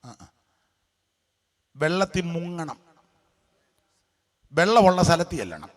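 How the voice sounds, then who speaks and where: A man preaching a sermon as a pastor, animated and mocking, sometimes breaking into song. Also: a little high, slow pace.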